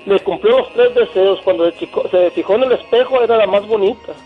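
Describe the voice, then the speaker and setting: A man's voice: high voice, brisk, faint music behind. A man, a caller telling jokes on a radio show and stumbling and repeating himself. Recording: tinny phone line.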